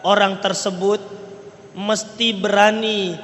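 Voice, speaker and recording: A man's voice: high-pitched, level tone, slow pace, a bit bright. A man with a Riau Malay-tinged Indonesian accent preaching a sermon to a congregation, asking them rhetorical questions as he goes. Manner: rhetorical, checks in with the audience often. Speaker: Islamic preacher. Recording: long reverb of a large hall.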